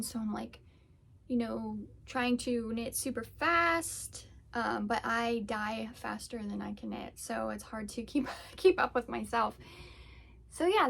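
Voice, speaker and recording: A woman's voice: fairly high pitch, creaky, fairly bright tone. A young woman hosting a casual crafting podcast, chatting in a rambling way with lots of fillers as she shows her work. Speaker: podcast host and yarn dyer. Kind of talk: casual chat.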